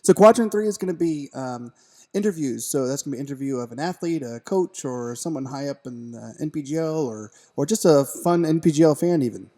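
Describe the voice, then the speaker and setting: A podcast co-host chats casually, enthusiastic and joking, with plenty of fillers. His fairly high, mellow voice is expressive and moves fairly quickly.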